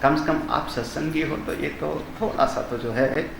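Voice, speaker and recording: An older man, a swami, giving a discourse on scripture, chanting Sanskrit verses slowly and then explaining them in conversational speech with rhetorical questions. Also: on the high side, gravelly, noisy background. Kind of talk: Hindi discourse on Vedanta. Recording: echoey hall ambience.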